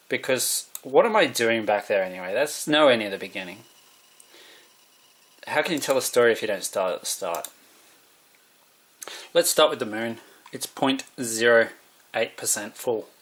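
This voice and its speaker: A man rambles to camera in a loose, musing monologue. He drifts between thoughts and stops to correct himself. His voice sits at an everyday mid pitch. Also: fairly bright tone. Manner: musing, meandering, self-correcting. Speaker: vlogger.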